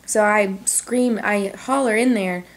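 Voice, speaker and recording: A young adult woman vlogger telling a story in a casual, animated way, full of "like"s, recorded at home on a camcorder. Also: medium pitch, measured pace. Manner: animated, chatty, many "like"s. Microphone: camcorder on tripod.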